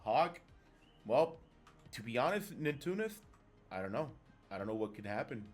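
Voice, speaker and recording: A man's voice: mid-range voice, sing-song, moderate pace, faint music behind. A man giving casual live commentary on a fighting game tournament, in a chatty, rambling way that trails off and restarts. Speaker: esports commentator and tournament organizer.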